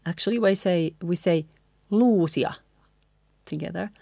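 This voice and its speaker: A woman's voice: low voice, creaky, a little mellow, no echo. A woman with a Finnish accent teaching pronunciation, modelling each phrase and asking the listener to repeat it together. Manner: models lines slowly, then has the listener repeat together. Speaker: singing teacher. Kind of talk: pronunciation lesson.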